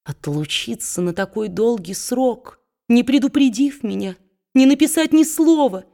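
Brief: timid tearful young wife, high faltering plea, as a woman reader puts her on. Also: lively intonation, a little slow, gravelly, mellow. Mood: pleading.

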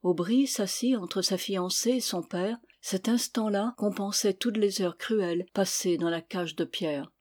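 A woman reading a historical novel aloud as narrator, in an even, measured manner. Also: medium pitch. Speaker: audiobook reader.

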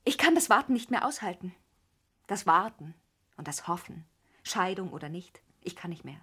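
A woman's voice: lowish voice, big pitch swings, normal speed, a bit bright, breathy edge, heavily acted. An actress playing a desperate, jealous noblewoman in a radio drama, speaking tensely and reproachfully.

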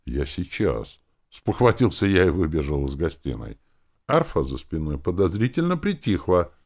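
A man narrates a first-person fantasy audiobook with a wry, expressive read. His voice is very low and gravelly, yet rises and falls with lively intonation. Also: moderate pace.

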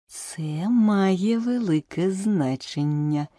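A woman voicing a pompous, flustered old male king in an audiobook, speaking slowly and ponderously. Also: lowish voice, animated, mellow, no room sound, studio quality, exaggerated voice. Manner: slow and ponderous. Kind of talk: audiobook character voice.

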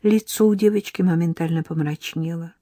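A woman narrating a children's story in an expressive storytelling way. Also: fairly low pitch, brisk, no room sound, studio quality. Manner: even, storytelling delivery. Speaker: audiobook narrator.

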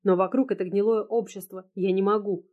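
A woman's voice: medium pitch, fairly even intonation, fairly quick, narrow, tinny audio, lightly acted. A woman reading the lines of a desperate young man who is tearful and pleading, in an audiobook. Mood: despairing. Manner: pleading, choked with despair.

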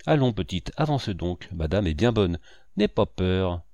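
A man doing a brisk kindly servant woman. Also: low-pitched, sing-song, warm tone, no echo, pitched below the performer's own voice. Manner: brisk, coaxing.

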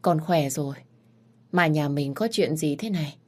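A woman's voice: low-pitched, moderate pace, darkish tone. A woman voicing a confused young man asking his family what happened, in a spoken story. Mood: puzzled. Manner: bewildered, pleading.

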